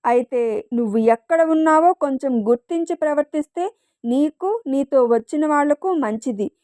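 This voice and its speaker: A woman's voice: sits high, expressive, moderate pace, dark tone, dry recording, clean studio sound. A woman voicing a defiant, sarcastic young man who answers rudeness with more rudeness in a storybook reading. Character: proud angry young man of the house.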